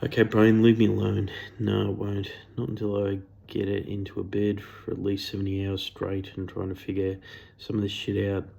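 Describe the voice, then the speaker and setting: Guy reading his own story, low creaky voice, swears a lot, beats himself up. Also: completely flat delivery, moderate pace, warm tone. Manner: self-critical, profane, sardonic. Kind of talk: first-person personal story reading.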